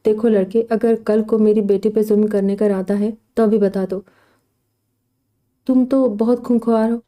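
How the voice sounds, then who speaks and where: A woman's voice: medium pitch, little pitch movement, natural voice. Woman reading as a fond, playful mother. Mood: soothing. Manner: affectionate, gently joking. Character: fond, playful middle-aged mother and aunt.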